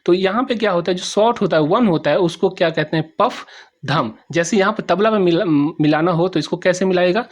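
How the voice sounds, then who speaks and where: Hindi-speaking teacher with a Bihari accent. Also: male voice, high voice, fast talker, few pauses. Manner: repetitive, checks understanding often. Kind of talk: classroom explanation.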